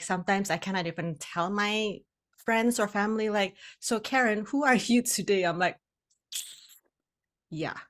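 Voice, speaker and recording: A middle-aged woman from Indonesia, telling her story as a podcast guest over a video call, candid and often laughing between phrases. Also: lowish voice. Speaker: guest, hypnotherapist and coach. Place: home room, indoors. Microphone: podcast microphone on video call.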